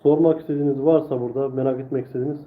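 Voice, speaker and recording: A man teaching Quran reading in a live online lesson, drilling letter sounds slowly and patiently. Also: medium pitch, fairly even intonation. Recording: echoey room, tinny phone-like sound.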